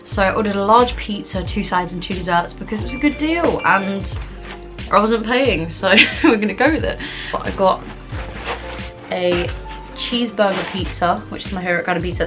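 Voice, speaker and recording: A young adult woman with a southern English accent chats casually in a rambling, informal mukbang vlog. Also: medium pitch. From England, Kent. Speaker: vlogger answering viewer questions.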